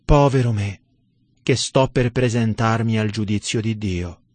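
A man reading the lines of a humble old bishop martyr, speaking low, soft and steady. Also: a little slow, no room sound. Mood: fearful.

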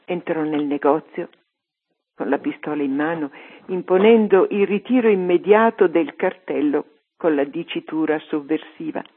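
Husky woman reading a story by phone. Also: sits low, normal speed. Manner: steady storytelling read-aloud. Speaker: reader on religious radio. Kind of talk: reading a martyr story aloud. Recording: tinny phone-like radio line.

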